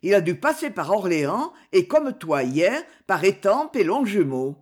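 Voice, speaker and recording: Une lectrice qui joue un vieux duc ambitieux et grave. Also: female voice, mid-range voice, big pitch swings, unhurried. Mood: resolute. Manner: grave, forceful declamation. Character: proud ambitious aging duke, a father. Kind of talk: audiobook reading.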